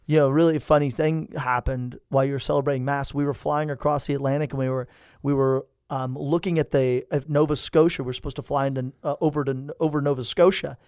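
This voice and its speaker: Animated storytelling priest, dry close sound. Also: male voice, medium pitch, fairly quick, no echo. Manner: animated storyteller, acts out quoted voices. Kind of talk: storytelling in casual chat.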